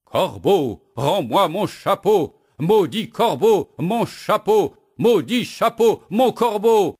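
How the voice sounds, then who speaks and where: For a children's storybook reading, a man plays a big, blustering woodcutter with a mustache, shouting indignant outbursts in a furious mood. His voice sits on the low side, and the delivery is slow.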